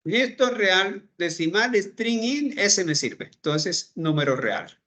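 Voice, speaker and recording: A high-pitched male voice, pushed and bright, with big swings in pitch. The speaker teaches programming in a screen-recorded lesson, going through code slowly and step by step and checking in with his class via "¿verdad?"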